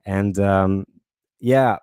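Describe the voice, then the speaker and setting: A man with a French accent moderating a panel, asking questions with halting restarts. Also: low-pitched, fairly even intonation, darkish tone, smooth, no room sound, studio quality. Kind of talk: online panel discussion.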